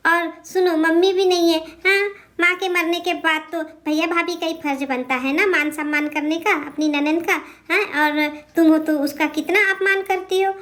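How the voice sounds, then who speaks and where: A woman's voice: very high voice, steady tone, moderate pace, fairly bright tone. A woman voicing a helpless elder brother in a doll drama, torn between his wife and sister, lamenting and lecturing.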